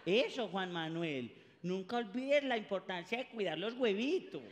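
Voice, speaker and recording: A man performing a stand-up comedy routine, animated with ironic asides. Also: high-pitched, a little slow, in a large hall, slight background noise.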